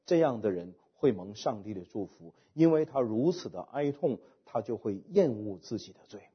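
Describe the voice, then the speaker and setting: Husky-voiced man preaching with lively pitch. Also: lo-fi sound. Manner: emphatic preaching with rhetorical questions, trailing off softly at phrase ends. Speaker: pastor. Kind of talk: sermon.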